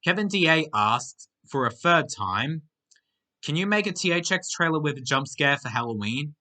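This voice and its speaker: A man's voice: on the high side, animated, moderate pace, bright, forceful tone. A young man hosts a casual Q&A. He reads out viewer questions and gives short, plain answers. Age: young adult. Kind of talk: casual Q&A monologue.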